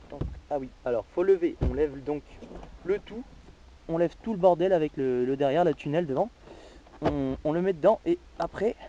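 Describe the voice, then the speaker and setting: Guy doing a diy car how-to, mellow voice, lots of uh, dull lo-fi camera sound with a bit of hiss. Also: fairly high pitch. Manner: hesitant, many fillers and restarts. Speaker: amateur car DIY tutorial maker. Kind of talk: casual step-by-step how-to.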